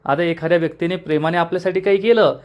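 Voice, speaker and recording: A man reading a calm, insistent young husband. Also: on the high side, quick pace, lo-fi sound, lightly acted. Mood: firm. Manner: polite but insistent questioning. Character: calm, firm young husband arguing his rights.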